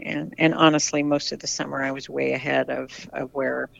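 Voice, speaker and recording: Here a US cyclist in their sixties, now retired, talks openly in a relaxed interview, often starting over and repeating words. The pitch sits in the middle with a level tone at normal speed, creaky and fairly bright, on lo-fi sound.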